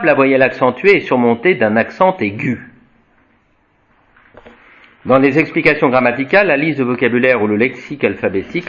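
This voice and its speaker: A man teaching a Latin class, reading from a textbook and adding his own remarks, with many restarts and tags like "hein" and "voyez". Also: medium pitch. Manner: slow explanatory, tags sentences with "hein" and "voyez", frequent restarts; spells out Latin words slowly, chanting declensions. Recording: dull lo-fi recording.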